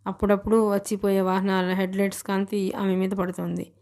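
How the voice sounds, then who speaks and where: A woman narrating a novel as an audiobook, in a plain, even storytelling voice. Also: medium pitch, brisk. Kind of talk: scripted narration.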